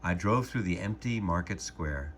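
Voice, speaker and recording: A man calmly and gently reading a storybook aloud as narrator. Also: sits low, slight background noise. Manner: calm, gentle, measured narration.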